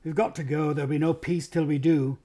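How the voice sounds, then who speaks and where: A man reading aloud, voicing an eager, impulsive boy king who calls out with excitement in a storybook reading. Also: on the high side, a little fast, close to an everyday voice. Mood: sulky. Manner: shouting with excitement.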